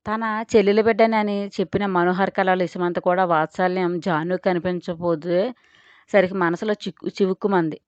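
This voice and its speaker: A woman's voice: medium pitch, dry recording. A woman telling a dramatic serialized audio story in scripted narration. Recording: dry, dull lo-fi recording.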